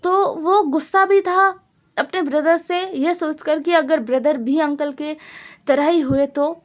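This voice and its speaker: A woman's voice: high voice, steady tone, unhurried. A woman narrating a fan fiction story in a casual, conversational way with emphatic asides.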